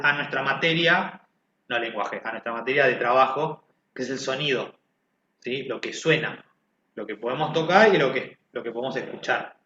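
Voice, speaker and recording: Bright-voiced man teaching music, echoey. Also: mid-range voice, a little hiss or hum. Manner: conversational, asks "¿sí?" to check understanding. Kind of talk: online class explanation. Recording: echoey, dull lo-fi sound.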